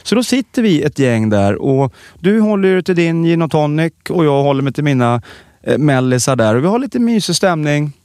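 A man's voice: a little high, no room sound, clean studio sound. A man co-hosting a podcast, chatting casually and telling stories with lots of restarts. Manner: animated storytelling, many restarts. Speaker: podcast co-host. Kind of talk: casual chat.

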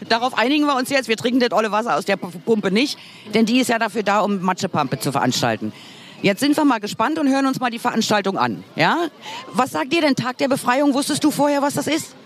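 A woman's voice: fairly high pitch, big pitch swings, quick pace. Woman, podcast reporter, chatty, rambling, playful, casual outdoor reportage. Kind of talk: casual on-location street reportage. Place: outdoor urban public square.

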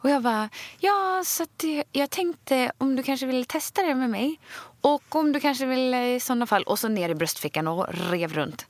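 A Swedish woman co-hosting a podcast, telling a story in a lively, chatty way and acting out what each person said. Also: sits high, dry recording. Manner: animated storyteller, acts out both sides of dialogue. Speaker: podcast co-host. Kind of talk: casual chat.

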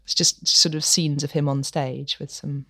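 A woman co-hosts a culture podcast in easy, opinionated conversation, laughing often. Her voice sits very low for a woman. The recording is close and dry. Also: level tone, moderate pace, bright, forceful tone, no room sound. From England. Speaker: podcast co-host. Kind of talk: casual chat.

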